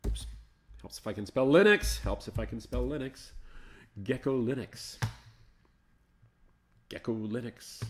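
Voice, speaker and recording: A man hosting a live Linux show, chatting casually and thinking aloud as he installs and explores software, coaxing slow programs along. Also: mid-range voice, slight background noise. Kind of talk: casual live screencast commentary.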